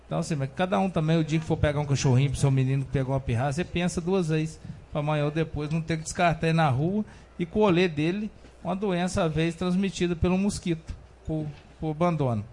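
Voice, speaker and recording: A man's voice: on the high side, steady tone, fast talker, darkish tone. A man addressing a council chamber, greeting colleagues formally and speaking plainly. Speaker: city councilman. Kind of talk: council floor speech.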